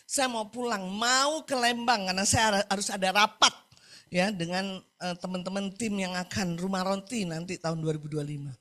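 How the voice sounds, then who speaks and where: A woman's voice: medium pitch, fairly bright tone. A woman preaching a sermon over a video call, emphatic, repeating key phrases and asking the congregation for agreement.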